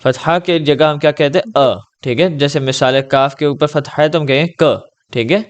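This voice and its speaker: A man teaches slowly and kindly over a video call. His voice is smooth and resonant, a little higher than most men's. He reassures his student and checks her understanding again and again. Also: steady tone. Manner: gentle, reassuring, repeats "ٹھیک ہے؟" often. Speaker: Arabic tutor. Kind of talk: patient one-on-one online lesson.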